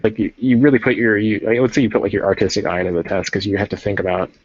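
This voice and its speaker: This livestream host talks quickly in a fairly low, husky voice as he paints a model, wandering from thought to thought and cutting himself off mid-sentence. The dry recording has the dull quality of lo-fi stream audio.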